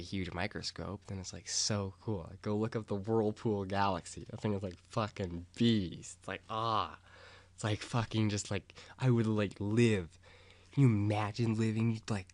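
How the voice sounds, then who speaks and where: A young man talking in a rambling, casual monologue. He gets excited, loses his train of thought and swears freely. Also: fairly low pitch, no room sound.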